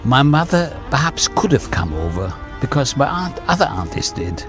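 This radio interview features a man in his seventies offering a personal testimony over music, measured and reflective and pausing frequently. His mid-range voice shows big swings in pitch.

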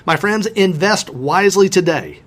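A male podcast host walks listeners through his subject in a folksy, emphatic manner, calling them his friends. His voice sits somewhat high for a man. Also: expressive, moderate pace. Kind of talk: solo explanatory podcast talk.

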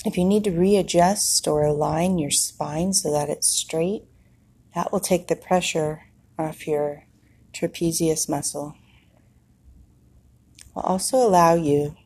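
Guiding a meditation, a woman speaks in a low, husky, warm voice that creaks gravelly at the ends of phrases. She goes very slowly and soothingly, with long pauses between short instructions.

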